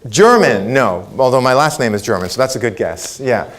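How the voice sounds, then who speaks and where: A man's voice: mid-range voice, lively intonation, moderate pace. A middle-aged man from Israel whose first language is Hebrew, giving a motivational keynote, asking the audience questions and acting out quotes. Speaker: keynote speaker.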